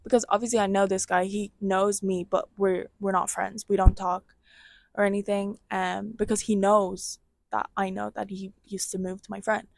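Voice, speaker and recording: A young woman with a slight Irish accent and a gravelly, mid-range voice co-hosts a podcast at normal speed. She tells a gossip story in a casual, animated way, swearing and acting out quotes.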